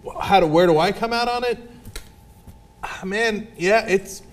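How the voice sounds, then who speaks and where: A man's voice: high-pitched, measured pace. A man hosting a panel discussion, talking in an emphatic, punchy way with rhetorical questions. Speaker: host. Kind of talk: opinionated panel talk.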